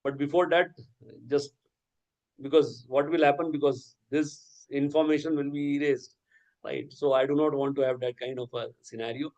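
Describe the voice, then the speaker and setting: Lecturing teachers by video call, a workshop resource person with Urdu as his first language explains topics and regularly inserts "okay" and "right?". His voice is fairly high and darkish, with a level tone at normal speed, captured in a rough recording.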